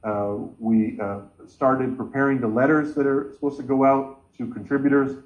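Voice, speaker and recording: A man's voice: medium pitch, steady tone, moderate pace. Man chairing a video-call meeting. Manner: earnest, gesturing with both hands. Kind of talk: online meeting remarks. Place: home room with bookshelves. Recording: dull lo-fi sound from a laptop.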